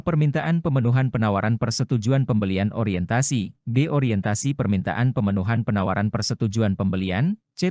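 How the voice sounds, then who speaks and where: A man reading practice quiz questions and their answers aloud in a measured, steady way. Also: medium pitch, no echo, clean studio sound.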